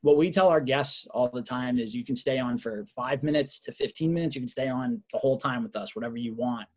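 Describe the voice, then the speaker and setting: A man hosting a casual sports podcast, telling stories in a relaxed, rambling way. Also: mid-range voice, brisk. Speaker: podcast host.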